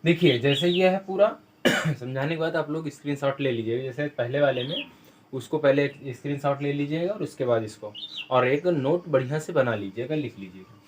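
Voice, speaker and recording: A man's voice: mid-range voice, brisk, a little hiss or hum. A man teaching a school science lesson, explaining with everyday examples and asking questions before he answers them. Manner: explains with everyday examples and rhetorical questions, clears throat now and then.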